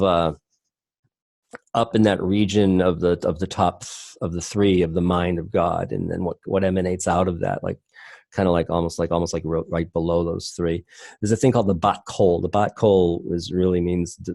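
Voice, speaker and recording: Low-voiced guy giving an online talk, lots of uh and um, dry sound. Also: darkish tone, no echo. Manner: rambling, many fillers and restarts. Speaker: teacher. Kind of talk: online presentation lecture.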